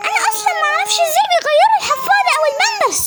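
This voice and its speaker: A woman's voice: very high-pitched, lively intonation, rapid-fire, background noise, voice pushed up. A woman doing a frantic, flustered little girl. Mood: panicked. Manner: frantic, exasperated pleading. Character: flustered young girl babysitting, panicky. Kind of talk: storytelling role-play.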